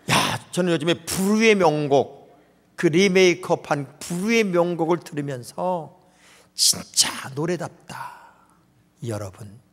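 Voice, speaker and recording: A middle-aged male pastor preaching a humorous sermon, joking with the congregation and mimicking dialects. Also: high voice. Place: large church sanctuary. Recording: long reverb in a church hall.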